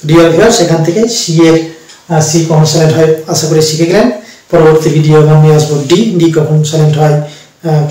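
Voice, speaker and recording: A man explaining an English reading lesson slowly and repetitively, often pausing to hesitate. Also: fairly high pitch, flat delivery, warm tone. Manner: slow, repetitive, with frequent hesitations. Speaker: English teacher. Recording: very echoey room, voice far from the mic.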